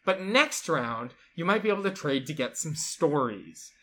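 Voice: medium pitch, sing-song, normal speed, a bit bright. A board game show co-host chatting casually and enthusiastically while explaining how a game's rules work. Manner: enthusiastic, chatty, lots of fillers like "like".

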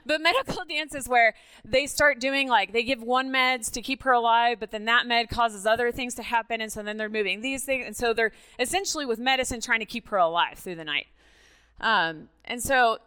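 Her voice sits on the high side with a clean tone. She's a middle-aged native Spanish speaker from Mexico, visiting a church as a guest speaker to tell her personal story in an animated, conversational style, regularly checking in with the people listening.

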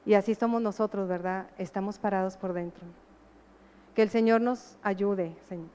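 A woman's voice: medium pitch, steady tone, moderate pace, dark tone, in a large hall, a little hiss or hum. A woman preaching a sermon, earnestly asking the congregation rhetorical questions.

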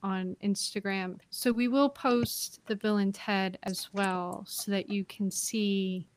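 A woman's voice: medium pitch, steady tone, slow pace, no echo. A woman co-hosting a podcast in a casual, chatty style. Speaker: podcast co-host.

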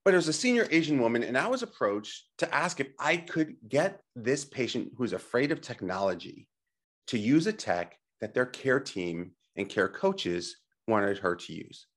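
A man's voice: mid-range voice, sing-song, moderate pace, a bit bright. A middle-aged man giving a motivational slide presentation, emphatic and coaching, putting questions to the listener and checking in. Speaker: presenter and teacher on health technology.

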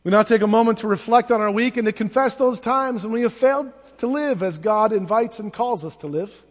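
High-voiced pastor at a pulpit microphone. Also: male voice. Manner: measured, solemn liturgical reading. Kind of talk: leading liturgical prayers. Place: church sanctuary. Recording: long church reverb.

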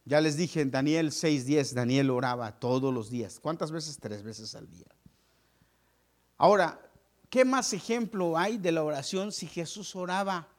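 A man's voice: a little high, expressive, unhurried. A man preaching a sermon in an impassioned way, repeating phrases and rising and falling for emphasis.

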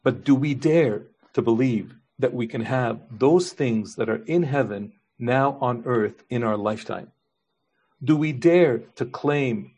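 A man's voice: medium pitch, warm tone, breathy edge. A man preaching a sermon as pastor, earnest, building his points with repeated rhetorical questions.

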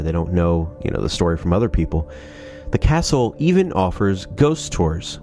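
Stuffed up and nasal from a sinus cold, this man hosts a paranormal channel, reading ghost stories into a studio mic in a relaxed way with sarcastic comments. His voice is on the low side and slightly mellow.

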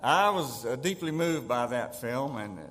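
A man's voice: medium pitch, expressive, moderate pace, fairly bright tone. An older man with a Southern accent from Tennessee, preaching a folksy sermon as a guest pastor and telling humorous stories. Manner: storytelling, chuckles at his own jokes. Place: church sanctuary. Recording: long church hall reverb.

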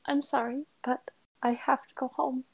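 A woman voicing a timid, tearful young woman who speaks softly and apologizes through trembling words. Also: high-pitched, flat delivery, slow, creaky, pitched above the performer's own voice, full character voice, rough recording. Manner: soft, trembling, breaking apologies.

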